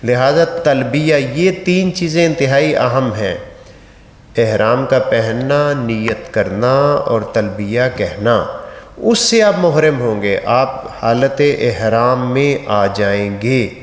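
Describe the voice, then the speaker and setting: A man from Pakistan with a Pakistani accent, giving a religious training lecture on pilgrimage rites, instructive and mixed with light humorous stories. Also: medium pitch. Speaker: Hajj trainer. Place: large mosque hall. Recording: echoey reverberant mosque hall.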